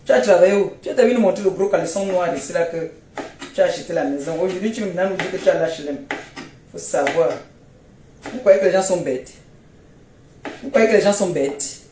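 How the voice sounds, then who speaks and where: A woman's voice: lowish voice, brisk, pauses often, mellow, reverberant, slight background noise. A woman with a Cameroonian French accent, feeling unwell, scolding and mocking someone in repetitive jabs during a phone live stream. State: unwell, tired.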